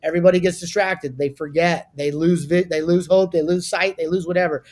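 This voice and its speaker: A man's voice: fairly high pitch, fairly even intonation, brisk, darkish tone. A male guest on a business talk show who gives advice with energy and emphasis, often restarting his sentences.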